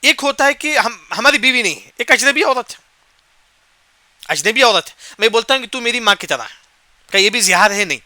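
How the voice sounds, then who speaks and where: High, bright-voiced man teaching Quran commentary. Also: expressive, long pauses, no room sound. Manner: asks and answers his own questions, repeats key points; recites short Arabic verse phrases then glosses them.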